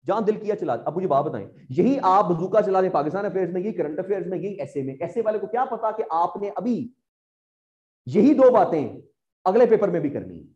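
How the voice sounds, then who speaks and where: A man's voice: high-pitched, big pitch swings, fairly quick, a little mellow, muffled recording. A man with a Pakistani Urdu accent lecturing exam students as a teacher, asking rhetorical questions and often checking whether they follow.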